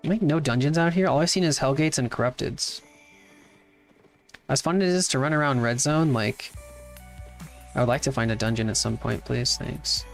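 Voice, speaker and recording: A man with a mid-pitched voice chats easily while streaming a game, answering chat in a relaxed, offhand way. Faint music plays behind him. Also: moderate pace, creaky, long pauses. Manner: laid-back, chatty, reads chat aloud and answers. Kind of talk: casual livestream chat while playing.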